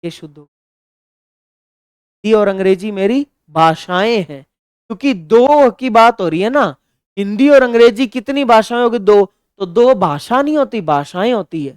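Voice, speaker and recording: A man teaching a Hindi grammar lesson for exam preparation. He reads example sentences slowly, then corrects them emphatically. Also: very high-pitched, expressive, a little mellow, clear, resonant tone, no room sound, studio quality. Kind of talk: exam-prep grammar lecture.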